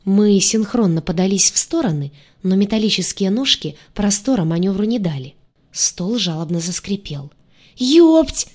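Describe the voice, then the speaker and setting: A woman narrating a first-person fantasy audiobook with a lively, expressive reading. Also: mid-range voice, moderate pace.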